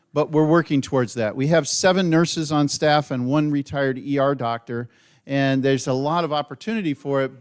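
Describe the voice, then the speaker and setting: A man addressing a church congregation, talking about his mission program with earnest energy. His voice sits slightly high for a man. He speaks like a presenter at the front of the room.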